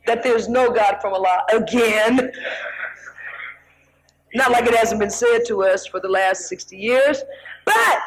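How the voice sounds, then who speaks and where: An older woman delivers a sermon in a high, bright-pitched voice. She tells stories with lively animation, swinging into excited acted-out shouts between quieter, earnest stretches. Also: poor audio. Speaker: minister.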